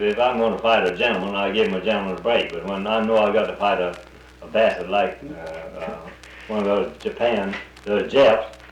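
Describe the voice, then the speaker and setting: A man's voice: lowish voice, highs cut off. A man, heard on an old 1941 archival recording, speaking bluntly and often restarting his sentences in casual conversation. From North Carolina. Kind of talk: casual conversation about the war. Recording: roomy old recording with faint hiss.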